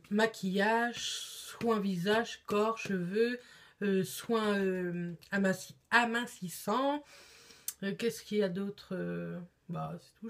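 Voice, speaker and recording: A woman chatting casually on camera in a beauty haul vlog, with lots of hesitations. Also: mid-range voice. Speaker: beauty vlogger.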